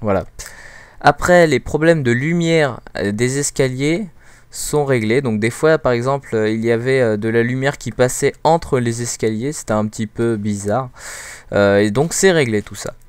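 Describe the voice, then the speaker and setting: A man giving a casual, hesitant game walkthrough commentary as the host of his own channel, filling pauses with frequent fillers. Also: medium pitch, clear, resonant tone, dry recording. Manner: hesitant, full of "euh" fillers; chatty and informal. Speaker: gaming video host.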